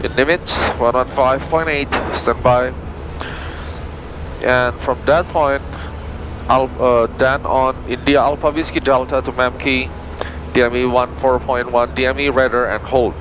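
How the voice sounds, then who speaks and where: A man from Indonesia, an airline pilot, narrating and briefing from the cockpit in informal, halting non-native English. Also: mid-range voice, fairly even intonation, background noise. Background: music.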